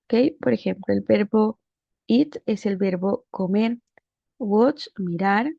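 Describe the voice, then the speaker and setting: A woman's voice: mid-range voice, slow pace, vocal fry, mellow, dry recording, highs cut off. A woman teaching English grammar, patiently walking through a worksheet and often checking with rhetorical questions.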